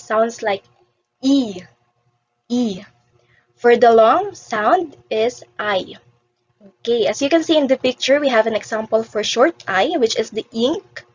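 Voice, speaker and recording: A woman's voice: on the high side, slightly rough, dull audio. A woman teaching an English vowel lesson to beginners, patiently repeating each word for the class to copy.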